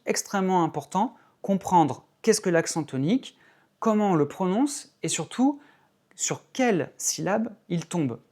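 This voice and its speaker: A man teaches English in an explanatory video, speaking in a measured way with a slightly high, darkish voice. He stresses key words and demonstrates pronunciation examples.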